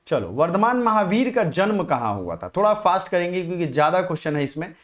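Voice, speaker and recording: A man's voice: high-pitched, big pitch swings, brisk, a bit bright. A man teaching a live online exam-prep class, firing questions at viewers, answering them and reading their comments.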